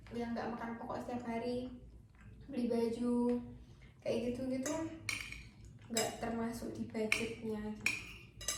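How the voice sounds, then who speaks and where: A woman's voice: a little high, a little mellow. A woman from Indonesia chatting casually over a meal as the host of a vlog. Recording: very echoey room, distant mic, clear noise.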